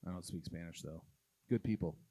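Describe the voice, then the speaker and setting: A man from Oklahoma doing a stand-up comedy set on a live stage, talking in a halting, self-deprecating way with many "uh" fillers. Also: low voice, warm tone. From Oklahoma, USA.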